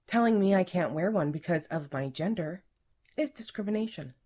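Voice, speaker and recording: A cheeky young man at the office, voiced by a woman narrating a story. He answers politely but mock-innocently, in a low voice. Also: lively intonation, moderate pace, mellow, slightly rough. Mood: pointed.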